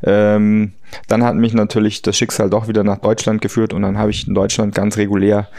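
A man in his thirties, born in the United States, talking casually as a podcast co-host, relaxed and easygoing, with frequent fillers. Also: on the low side, a little fast, creaky, no room sound, studio quality. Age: 30s. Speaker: podcast co-host, trauma surgeon.

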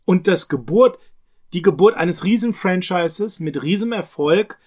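A man's voice: sits high, animated, measured pace, a little mellow. A middle-aged man co-hosting a podcast, chatting casually and emphatically about films with slangy enthusiasm. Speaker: podcast co-host.

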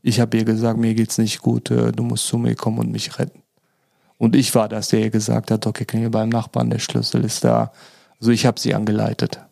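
A man's voice: lowish voice, monotone, a little fast, creaky, warm tone, no room sound, clean studio sound. A man tells a personal story as a podcast guest, informal, with many fillers and acted-out quoted dialogue.

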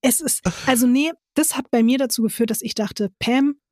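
A woman co-hosting a podcast in casual chat, expressive and fond of acting out what others said. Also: fairly high pitch, moderate pace, no room sound, clean studio sound. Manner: expressive, acts out quotes in put-on voices. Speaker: podcast co-host.

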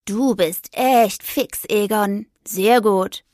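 A woman's voice: mid-range voice, very slow, a little mellow, dry recording, clean studio sound. A woman voicing a polite, eager male toy figure made of craft scraps in a children's audio story. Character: clever, polite male straw-limbed toy with a hat.

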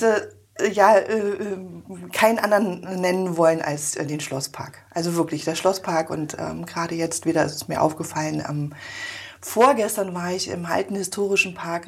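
A woman's voice: on the low side, breathy edge. A woman in her forties from Berlin, chatting in an interview in a small office and rambling with many fillers. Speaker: guest. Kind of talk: casual interview chat.

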